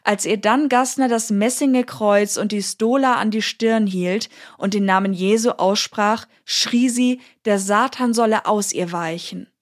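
A woman telling a historical account in calm, measured scripted narration. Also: mid-range voice.

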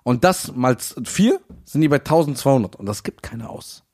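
A man co-hosting a casual chat podcast, telling rambling stories and often starting with a quick "look". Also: mid-range voice, lively intonation, darkish tone, breathy edge. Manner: rambling storyteller, often starts with "guck mal". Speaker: podcast co-host.

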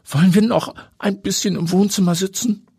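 A man reading a story voices a melancholic, grieving woman friend in a high, plaintive voice. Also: fairly even intonation, moderate pace, creaky, mellow, husky, no echo, clean studio sound, full character voice. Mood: inviting.

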